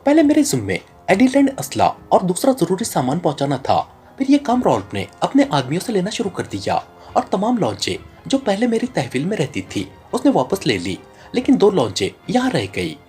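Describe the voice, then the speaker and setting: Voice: mid-range voice, huge pitch swings, fairly quick, a little mellow, soft background music. A narrator voicing a male criminal boss who gives long, earnest explanations in an audiobook. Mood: explaining. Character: ruthless male criminal boss turned informant. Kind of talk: audiobook character reading.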